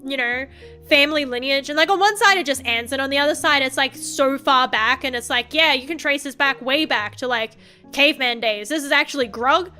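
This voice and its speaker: This vtuber streamer is an Australian woman with a bright, high voice, chatting casually to her viewers. Her talk rambles, full of frequent swearing and quick bursts of laughter, over faint background music.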